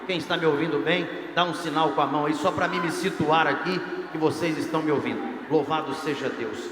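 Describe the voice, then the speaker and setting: A male pastor with a fairly high-pitched voice delivers a brisk sermon to a youth congress, building in an emphatic, rising cadence. Background noise, hall echo, and faint crowd ambience fill the recording from the large congress hall.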